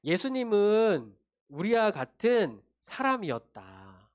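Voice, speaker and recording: Animated male pastor preaching to children. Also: high-pitched, takes it slowly. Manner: animated storytelling, addressing kids directly with tag questions. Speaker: junior pastor. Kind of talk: children's sermon.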